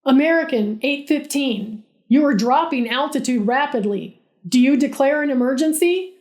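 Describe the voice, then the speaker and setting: A woman's voice: sits high, moderate pace, darkish tone, lightly acted. A woman voicing a prerecorded air traffic controller in formal, clipped calls.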